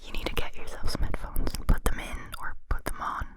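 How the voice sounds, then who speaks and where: This is a barely audible ASMR whisper, entirely breathy and unvoiced. The creator speaks right up at the microphone in a cupped manner, addressing listeners directly. Small mouth sounds come through with the words. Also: fairly quick, a bit bright, no room sound. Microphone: close to the mic, cupped.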